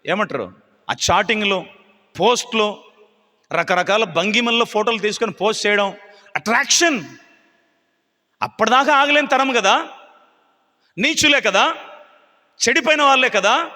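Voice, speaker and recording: A man's voice: very high voice, normal speed, long pauses, bright, forceful tone. A man preaching a live sermon as a pastor, impassioned, firing off rhetorical questions and acting out voices. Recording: live hall with long reverb.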